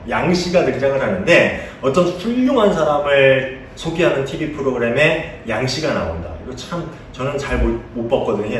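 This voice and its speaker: A male pastor gives a conversational sermon and mixes playful teasing stories with questions for his listeners. His voice sits at a middle pitch and rings through a reverberant church space. He is picked up from a distance, with faint noise behind him. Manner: conversational, asks the congregation questions. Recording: echoey room heard from a distance.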